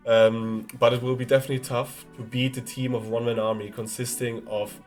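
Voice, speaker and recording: A man hosts a live esports broadcast in an easygoing, chatty way. His voice sits at an ordinary middle pitch, and he often pauses on "um" as he talks. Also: flat delivery, faint music behind. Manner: chatty, easygoing, frequent "um" fillers. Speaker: esports caster. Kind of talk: live stream commentary.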